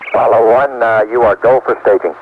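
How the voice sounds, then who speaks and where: A man's voice: mid-range voice, fairly even intonation, fairly quick. A man working as a mission control communicator, giving clipped, matter-of-fact procedural callouts over a 1960s radio link. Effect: radio transmission. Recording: tinny 1960s radio, faint static.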